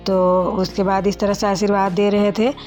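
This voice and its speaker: A woman's voice: medium pitch, flat delivery, moderate pace, darkish tone, faint music behind. A young woman, narrating her own wedding video in a casual, chatty voice-over and talking straight to her viewers as friends. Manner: chatty, addresses viewers as friends, many fillers.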